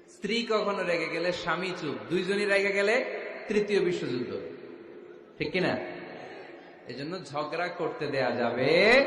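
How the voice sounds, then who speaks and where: A man delivers a sermon at a large gathering, pausing to scold listeners who will not sit still. He keeps asking the crowd questions and makes them answer. His slightly high voice booms through speakers with a long, echoing tail. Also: a bit bright. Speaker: Islamic preacher. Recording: echoey public-address sound in a large venue.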